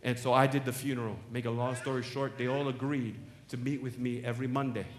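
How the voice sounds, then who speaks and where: A male pastor preaching a sermon in animated storytelling style, laughing and acting out the voices of people in his stories. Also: medium pitch, fast, a little hiss or hum. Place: large church sanctuary. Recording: echoey church sanctuary.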